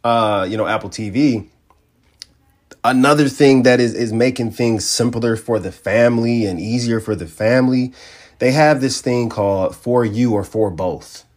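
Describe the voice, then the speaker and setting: A man's voice: mid-range voice, normal speed. A man co-hosting a tech podcast, chatting casually and telling stories with slang. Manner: laid-back, animated storytelling with slang. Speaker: podcast co-host. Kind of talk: casual chat.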